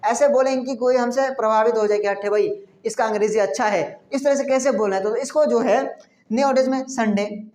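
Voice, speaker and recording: A woman's voice: a little high, normal speed, darkish tone, echoey room. Indian woman drilling English words. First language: Hindi. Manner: repetitive drilling, asks rhetorical questions. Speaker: English teacher. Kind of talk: spoken English lesson for beginners.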